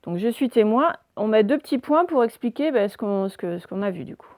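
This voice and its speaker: A woman's voice: medium pitch, expressive, fast, darkish tone, dry recording. A woman teaching reading and handwriting to young children remotely, recorded on a phone, explaining step by step with frequent hesitations. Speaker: primary school teacher.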